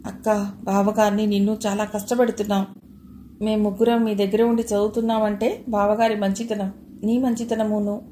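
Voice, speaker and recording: A woman's voice: mid-range voice, flat delivery, normal speed, mellow, echoey room, a little hiss or hum, lightly acted. Woman voicing a playful younger sister. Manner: playful, earnest.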